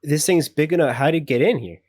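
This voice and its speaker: A man's voice: a little high, quick pace, a little mellow. A man chatting casually as a player in a tabletop role-playing game.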